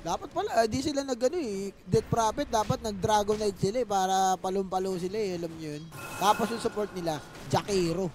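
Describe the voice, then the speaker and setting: A young man with a Filipino accent giving excited, joking live game commentary, mixing in English phrases. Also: sits high, fairly quick, few pauses, a little hiss or hum. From Philippines. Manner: joking, playful, mixes English phrases, bursts into excited yells. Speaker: esports commentator.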